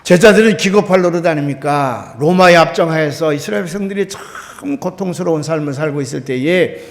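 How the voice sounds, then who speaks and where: Korean pastor preaching in a reverberant sanctuary. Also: male voice, fairly high pitch, a little fast. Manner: storytelling, animated quoted voices, asks congregation questions. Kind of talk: sermon. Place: church sanctuary.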